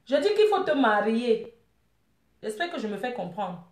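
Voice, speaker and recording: Woman, live stream chat, rambling, scolding, higher voice, echoey room. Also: very animated, normal speed. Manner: scolding, rambling, teasing viewers. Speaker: live streamer reading viewer comments.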